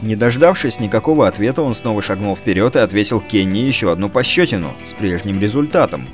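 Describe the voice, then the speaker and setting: A man narrating an audiobook in an expressive, storytelling way. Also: lowish voice, quick pace, soft background music. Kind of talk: scripted narration.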